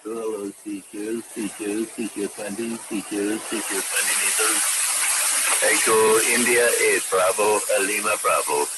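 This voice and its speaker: Ham operator heard through a fading shortwave radio signal, low voice buried in loud static, reading call signs one by one. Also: male voice, fairly even intonation, a little slow. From Ireland. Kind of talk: calling on the air, spelling call signs phonetically. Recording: noisy shortwave radio recording.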